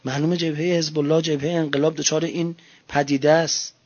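Impassioned male preacher, dull lo-fi sound. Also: little pitch movement. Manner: swings from soft, low talk to loud, far-off shouting cries. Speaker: cleric preacher. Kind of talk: religious sermon. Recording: dull lo-fi recording.

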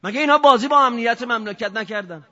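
Fiery high-voiced male cleric preaching. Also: sharp tone. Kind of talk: impassioned political sermon. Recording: dull lo-fi recording.

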